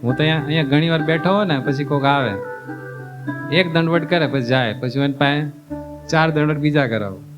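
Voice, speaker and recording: A man with a fairly high voice delivers a folksy sermon as a monk. He acts out the characters in his stories and keeps asking his listeners questions. Guitar music plays clearly behind him. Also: brisk. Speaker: monk giving a discourse. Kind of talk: sermon with storytelling.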